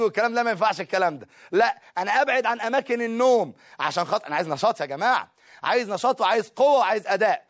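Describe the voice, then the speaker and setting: A middle-aged man with an Egyptian Arabic accent, a teacher giving study advice to students in a lively way, talking straight to them and often laughing. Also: very high voice. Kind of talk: study-skills talk to students.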